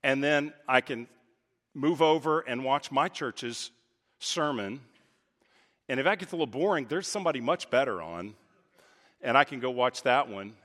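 A man from Texas preaching a sermon as pastor, talking with emphatic swings from loud, high points to quiet, low asides. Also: lively intonation, moderate pace, long pauses. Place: church sanctuary. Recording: reverberant church hall.

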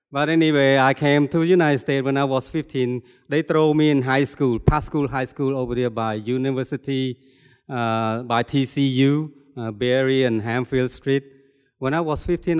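An older Cambodian-accented man preaches his testimony in a plain, earnest way, repeating himself as he searches for words. His voice is smooth and resonant, with a long reverb trailing off in a church hall. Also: medium pitch. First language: Khmer. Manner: earnest, halting, plainspoken with repetitions. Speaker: lay preacher. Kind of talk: personal testimony sermon.

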